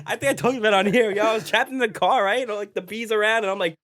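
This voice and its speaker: A young man co-hosting a comedy podcast, animated and laughing often as he acts out silly voices. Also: high voice, fast talker, slight background noise. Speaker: podcast co-host. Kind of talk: casual comedy banter.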